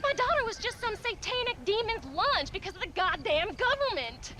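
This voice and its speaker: A woman's voice: extremely high pitch, lively intonation, moderate pace, sharp tone, exaggerated voice. An actress playing a bitter, sarcastic frontier wife who nags her husband in a video game. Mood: scolding. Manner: sarcastic, scolding. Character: bitter, shrill frontier wife, nagging and bigoted. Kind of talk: video game cutscene acting.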